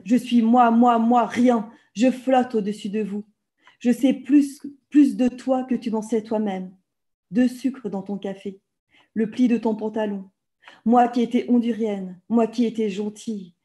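A woman in her thirties gives an intense, rhythmic reading of her own poetry, each phrase falling like a chant. Her voice is very dark and mellow, and it comes through a laptop microphone on a video call from a room at home. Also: mid-range voice. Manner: intense, rhythmic incantatory delivery. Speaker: author reading her work. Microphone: video call laptop mic.

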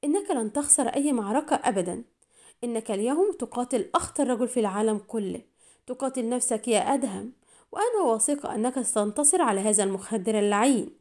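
A woman's voice: on the high side, expressive, fast talker, a little mellow, close to an everyday voice. Woman reading a fervent, devoted young woman. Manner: eager, fervent.

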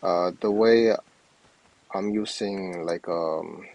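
A man's voice: low voice, slow, gravelly, a little mellow, rough recording. A man giving casual, rambling gameplay commentary with hesitant phrasing, recorded on wireless earbuds. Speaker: gaming video host.

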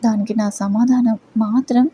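A woman voicing a gentle, shy young wife who speaks softly and soothingly. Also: a little high, fairly even intonation, normal speed, slightly rough. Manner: soft, soothing.

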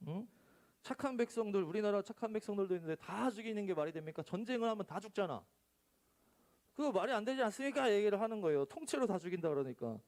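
A male youth pastor in his thirties giving a casual sermon to high school students. He talks in a chatty, animated way and acts out the dialogues he tells. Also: quick pace. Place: church.

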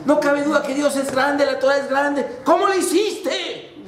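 A man voicing an overjoyed grown man who shouts his thanks to God, in a roomy hall heard from a distant mic. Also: extremely high pitch, unhurried, pitched above the performer's own voice. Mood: ecstatic. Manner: shouting, ecstatic.

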